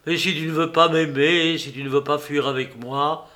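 A man's voice: a little high, steady tone, moderate pace, pushed and bright. A man voicing a desperate, tormented young male lover in an audiobook, with impassioned, pleading delivery. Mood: resolute.

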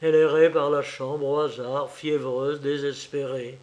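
A man narrating an audiobook in a measured way, with occasional small hesitations. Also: mid-range voice, little pitch movement, darkish tone. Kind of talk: audiobook reading.

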